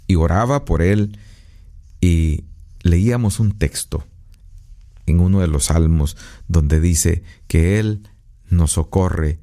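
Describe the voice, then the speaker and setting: A man in his fifties preaching a radio devotional from a recording booth, earnest and pastoral, unhurried with pauses. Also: deep voice, creaky, dark tone. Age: 50s. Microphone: studio microphone.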